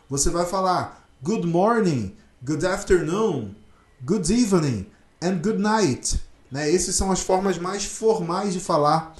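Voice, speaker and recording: A man teaching a casual online English lesson, explaining slowly and checking in often with short tag questions. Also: sits high, reverberant.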